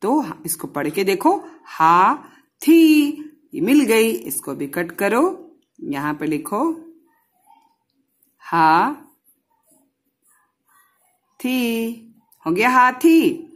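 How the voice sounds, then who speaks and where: A woman's voice: medium pitch, sing-song, drawn-out words, long pauses. A woman teaching a Hindi lesson to young children, patiently sounding out words syllable by syllable and often checking whether they follow.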